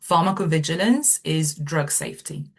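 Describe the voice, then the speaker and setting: A woman's voice: low-pitched, animated, moderate pace, slightly rough. A middle-aged woman from Romania, a recruiter giving a webinar presentation over a video call, hesitant with many ums.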